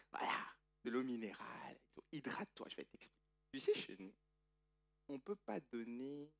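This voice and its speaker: A scheming, smooth-talking uncle with a sweet, wheedling tone, as a preacher puts him on. His pitch rises and swoops all over as he cajoles and plays the friendly host. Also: fairly bright tone, heavily acted. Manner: coaxing, wheedling, chummy.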